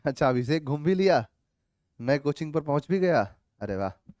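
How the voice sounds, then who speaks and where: A man teaching an English grammar class, reading each sentence slowly and then explaining it in a mix of two languages, sometimes calling students "babu". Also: a little high, expressive, darkish tone, dry recording. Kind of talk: online class going over grammar answers.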